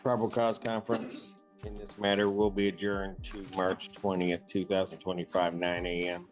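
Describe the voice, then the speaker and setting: A man presiding as a judge, calling cases and ruling in a brisk, procedural manner, heard on a courtroom recording. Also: low voice, level tone. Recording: muffled courtroom recording with faint music.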